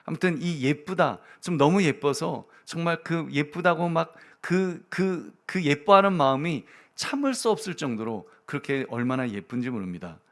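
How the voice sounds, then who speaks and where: A male pastor preaching a Sunday sermon in a conversational way, often addressing the congregation, moving between quiet asides and loud emphatic lines. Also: on the high side, expressive, normal speed, hardly any pauses.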